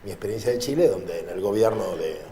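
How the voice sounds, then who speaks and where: A man interviewed as a political commentator, speaking in a measured, reflective way with hesitations and repeated words. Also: lowish voice, expressive, gravelly, dark tone.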